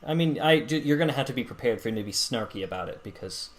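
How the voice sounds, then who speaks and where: A man's voice: mid-range voice, animated, quick pace. A man co-hosting a podcast in casual chat, rambling and hesitant with many restarts. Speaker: podcast co-host.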